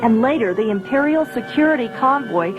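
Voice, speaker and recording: An actress playing a composed, commanding rebel princess who leads a mission. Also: female voice, on the high side, animated, fairly quick, phone-quality sound, lightly acted. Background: music.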